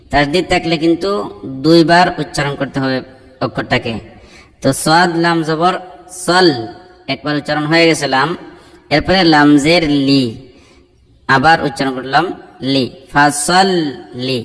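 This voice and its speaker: A man teaching Quran recitation, chanting verses slowly and drawn out, then spelling out letters and explaining. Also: a little high, a bit bright, long reverb tail.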